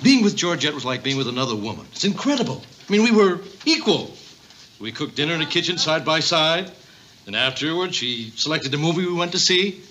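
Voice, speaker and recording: A man's voice: a little high, big pitch swings, a little fast, sharp tone. An actor in his fifties playing a vain, childish, needy boyfriend in a 1970s sitcom, theatrical and blustering. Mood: earnest. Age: 50s. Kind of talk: 1970s multi-camera sitcom acting. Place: TV studio set, indoors. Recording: noisy vintage TV studio soundtrack.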